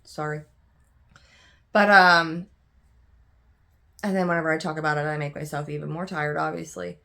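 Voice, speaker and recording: A young adult woman talking to her viewers in a loose, candid vlog chat. She sounds worn out and yawns, her voice sits a little low for a woman, and she wanders through her thoughts with lots of "um" and "like.". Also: steady tone, moderate pace, vocal fry, bright, forceful tone. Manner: rambling, candid, many fillers and restarts. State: tired, yawning. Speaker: cross stitch vlogger. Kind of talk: casual chat to camera.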